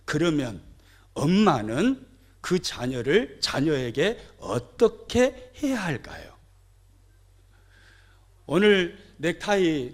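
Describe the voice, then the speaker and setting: A man preaching a sermon as pastor, swinging between loud outbursts and soft asides, questioning and joking with his congregation. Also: on the high side. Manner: asks the congregation questions and jokes with them. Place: church sanctuary.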